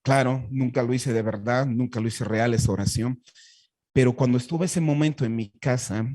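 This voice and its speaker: A man's voice: medium pitch, moderate pace, darkish tone, no room sound. A Bolivian man with a Bolivian Spanish accent, a pastor telling his personal faith testimony in an earnest, heartfelt way with frequent restarts.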